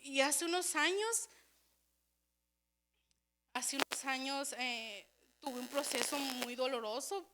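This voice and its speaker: Young woman, church testimony; high-pitched, earnest, emotional, stumbles and repeats. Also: bright, forceful tone. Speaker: church speaker.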